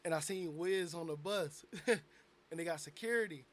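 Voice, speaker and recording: A young man, a bit drunk, telling a long animated story in a casual interview, full of slang and swearing. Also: a little high, moderate pace. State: tipsy. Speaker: guest, aspiring rapper.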